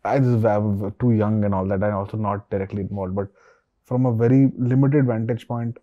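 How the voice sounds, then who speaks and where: A man's voice: lowish voice, steady tone, normal speed, narrow, tinny audio. A man in his forties with an Indian English accent, hosting a studio interview, agreeable and a little hesitant, with Hindi asides. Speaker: host. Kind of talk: conversational interview. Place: studio set with sofas.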